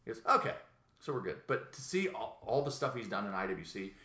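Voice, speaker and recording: A man's voice: on the low side, very animated, fairly quick, sharp tone, reverberant. A man hosting a podcast in casual chat, telling rambling, profane stories with quoted voices. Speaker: podcast host.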